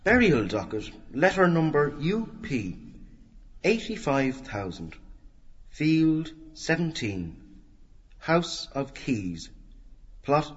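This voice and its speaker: A man voicing a portly, stormy caretaker who booms out records like a foghorn. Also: sing-song, slow pace, pauses often, breathy edge, dull audio, heavily acted. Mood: booming. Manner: foghorn booming.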